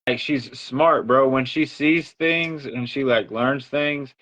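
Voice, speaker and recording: Slow and a bit bright, a man's mid-range voice carries a casual livestream where he, as host, chats away about daily happenings and mimics what others told him. The recording sounds dull and low-fidelity.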